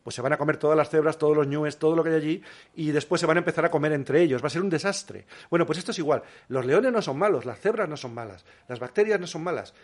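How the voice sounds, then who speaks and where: Male guest, slightly high pitch, lively explainer full of rhetorical questions. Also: fast. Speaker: guest biologist. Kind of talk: casual explanatory interview talk.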